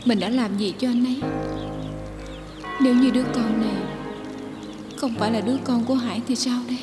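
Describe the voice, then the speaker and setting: A young wife and mother, voiced by an actress speaks in a high, soft, tender voice. Loud dramatic music runs beneath her lines. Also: steady tone, a little fast, lightly acted. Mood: troubled. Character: anxious young mother soothing her baby. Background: film score music.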